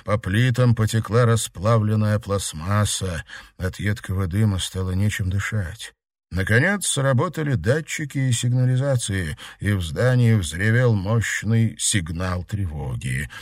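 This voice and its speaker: A man reading an audiobook as narrator, in a steady, dramatic manner. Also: lowish voice, a little slow, no echo, studio quality. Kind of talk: scripted narration.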